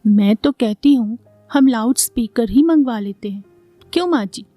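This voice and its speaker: A woman's voice: on the high side, expressive, normal speed, dark tone, dry recording, soft background music. A woman voicing a naive, playful young daughter-in-law with an innocent, coy manner.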